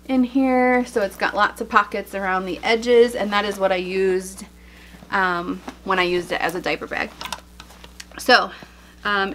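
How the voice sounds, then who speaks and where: A young woman talks casually to her viewers, a little out of breath, her voice at a middle pitch. She chats along with many "um"s and light laughs as she shows things one by one. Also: fairly bright tone. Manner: chatty, many fillers and laughs. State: slightly out of breath. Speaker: vlogger. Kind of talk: casual chat showing items.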